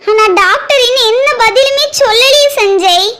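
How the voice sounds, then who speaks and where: A performer with a very high voice playing a tearful, worried young woman in a cartoon. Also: moderate pace, pushed and bright, slight background noise. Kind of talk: cartoon voice acting.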